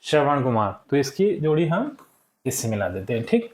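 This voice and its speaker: A male teacher walking young pupils through textbook answers, saying each word slowly for them to repeat and often checking in with "ठीक है". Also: mid-range voice, big pitch swings, reverberant. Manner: slow and deliberate, checks in with frequent "ठीक है". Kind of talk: classroom lesson walkthrough.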